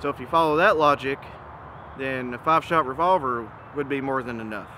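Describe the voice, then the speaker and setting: A man giving a casual, easygoing product comparison as a presenter, speaking in an informal, measured and opinionated way. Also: medium pitch, bright, forceful tone. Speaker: gun reviewer and presenter. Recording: noisy outdoor recording with ambient hum.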